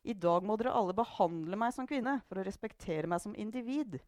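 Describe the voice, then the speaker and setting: A woman voicing a sharp-tongued, sarcastic elderly grandmother who loves provoking her family. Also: medium pitch, expressive, dry recording, studio quality, voice pushed up, lightly acted. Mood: declaiming. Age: older. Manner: sarcastic, declaiming.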